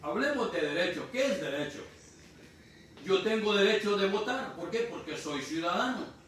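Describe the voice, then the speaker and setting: A man from Honduras preaching a sermon, explaining slowly and repeating key phrases. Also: sits high, animated, fairly bright tone. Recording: distant mic in echoey room, faint noise.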